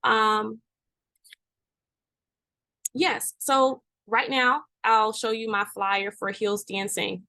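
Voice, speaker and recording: A woman presenting her small dance business at an open mic, pausing often with ums. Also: fairly high pitch, little pitch movement, sharp tone, dry recording. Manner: hesitant, with many ums. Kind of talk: casual self-introduction.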